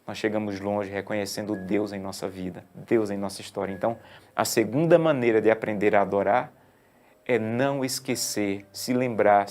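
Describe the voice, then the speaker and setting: A man preaching a sermon, swinging from hushed, slow phrases to emphatic raised lines. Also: on the low side. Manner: preaches with wide swings from hushed to emphatic, slowing on key words.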